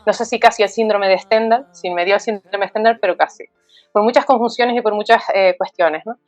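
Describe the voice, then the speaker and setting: A woman guest, an art historian, talks thoughtfully about film in a conversational way, filling her speech with fillers and tag questions. Her medium-pitched voice moves fairly quickly over soft background music. The sound is lo-fi, with no room sound.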